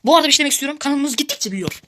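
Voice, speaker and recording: A woman giving casual gameplay commentary as a YouTuber, excitable and shrieking when frustrated. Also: sits high, very fast. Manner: excitable, repeatedly addresses viewers as friends. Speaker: gaming YouTuber.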